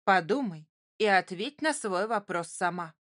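A woman's voice: medium pitch, animated, a little slow, dry recording, studio quality. A woman voicing a stern but kind female apple tree in a children's storybook, speaking firmly and instructively. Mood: stern, kindly. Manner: firm, instructive, slightly louder.

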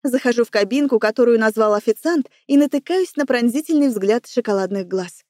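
A woman's voice: a little high, a little fast, mellow, no echo. A woman narrating a first-person story in a wry, self-assured way, close to the mic. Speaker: audiobook narrator.

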